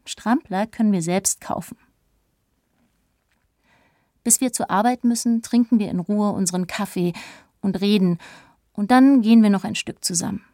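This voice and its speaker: A woman's voice: mid-range voice, moderate pace, pauses often, warm tone, dry recording. A woman narrating a first-person audiobook in a reflective, earnest way, recorded close to the mic.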